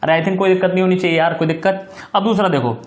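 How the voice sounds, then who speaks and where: Guy teaching physics, kinda high voice, keeps asking if u got it, echoey classroom sound. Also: fairly even intonation, fast talker. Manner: keeps checking in with students, repeating key phrases; affectionate address to students. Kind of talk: recorded classroom lecture.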